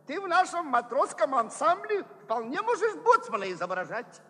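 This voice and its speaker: An excitable, teasing sailor in a stage musical comedy. The voice is extremely high and bright, full of exclamations and broken grammar, echoing in a large hall. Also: male voice, normal speed, full character voice. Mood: excited, coaxing. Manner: exclamatory, repetitive, foreign-flavoured broken grammar. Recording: long hall reverb.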